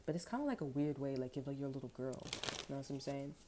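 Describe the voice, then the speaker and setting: A woman's voice: extremely low pitch, expressive, very fast, warm tone, a little hiss or hum. A woman giving a casual tarot reading, rambling and peppering her talk with okay and like. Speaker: tarot reader.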